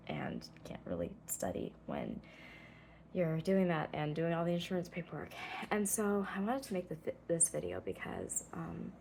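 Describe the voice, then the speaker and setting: A woman giving herself a casual, earnest pep talk, speaking in a halting, reflective, self-encouraging way. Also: fairly low pitch, gravelly, darkish tone, a little hiss or hum. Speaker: student and parent vlogger.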